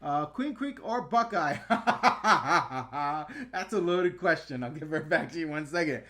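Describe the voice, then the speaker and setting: A man's voice: a little high, animated, fairly quick, fairly bright tone. A man in his thirties from the New York and New Jersey area, hosting a casual livestream Q&A, frank and loose with frequent ums and laughs. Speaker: channel host answering live chat.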